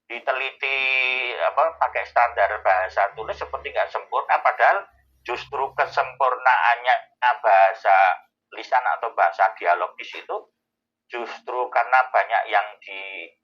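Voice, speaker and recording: A man, explaining answers to a host's questions in a thoughtful way, pausing often to find his words. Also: medium pitch, highs cut off. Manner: thoughtful, with many pauses and fillers. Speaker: Islamic scholar answering questions. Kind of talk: explanatory Q&A talk.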